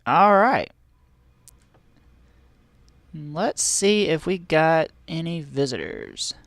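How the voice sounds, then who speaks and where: A man's voice: fairly high pitch, big pitch swings, extremely slow, vocal fry, a bit bright, dry recording. A man streaming a park-building game, talking casually through a headset at home with lots of fillers and restarts. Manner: rambling, chatty, many fillers and restarts. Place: home room with a heater.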